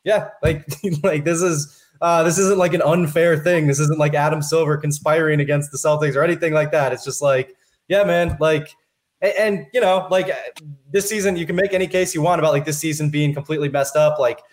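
A man's voice: on the high side, fairly even intonation, fairly quick. A man co-hosting a casual sports podcast, hesitant and full of fillers. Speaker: podcast co-host.

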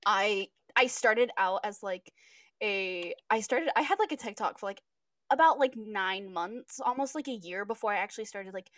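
A woman's voice: mid-range voice, animated, normal speed, a bit bright, no echo. Giggly twenty-year-old woman, dry sound. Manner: rambling and giggly, heavy on filler words. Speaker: podcast co-host. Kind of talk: casual chat.

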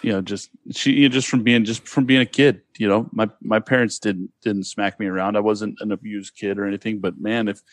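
With a fairly low, fairly even voice, a California man in his forties runs through childhood stories a little fast and with few pauses. His chat is casual and slangy, peppered with "dude" and "bro," in a Californian American accent. The recording is dry.

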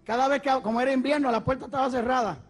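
A man preaching a testimony sermon, fervent, moving from quiet storytelling to shouted praise. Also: extremely high pitch, steady tone, very fast, slightly rough. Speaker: evangelist preacher.

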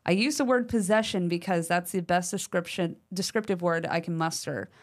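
A lowish-voiced woman, one of a paranormal podcast's co-hosts, speaks at an ordinary pace while casually chatting. She reads a listener letter with animated emphasis, dropping in "like" and "um."

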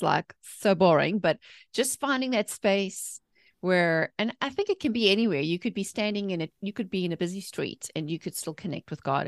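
A South African woman in her forties, a mindset coach and author, appears as a podcast guest telling personal stories in a chatty, emphatic interview style. Her voice is on the low side. The studio-quality recording has no room sound.

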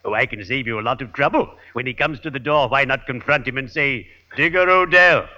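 A man playing a morbid, courtly gravedigger in an old-time radio comedy, speaking formally and deliberately with ghoulish good cheer. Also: mid-range voice, close to an everyday voice. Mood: drily jovial. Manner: formal, deliberate, drawn-out macabre puns. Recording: noisy, dull old radio recording.

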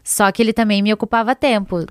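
A woman's voice: medium pitch, steady tone, racing, smooth, no room sound, clean studio sound. A young woman chatting casually as a podcast guest, rambling and giggly, often cutting herself off. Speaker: podcast guest, ASMR content creator. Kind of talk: casual chat.

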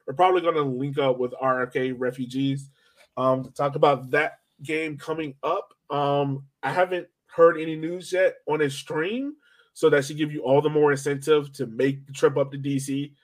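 A young man hosts a casual sports podcast, his voice on the high side with fairly even intonation and a moderate pace. He keeps the chat informal, slangy, and talkative.

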